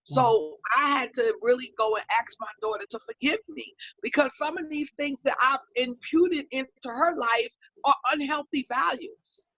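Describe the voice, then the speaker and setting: A woman guest telling a personal story in an earnest, reflective way with pauses, on a video call. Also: high voice, fairly bright tone, no echo, muffled recording. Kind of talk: personal testimony in an online talk show.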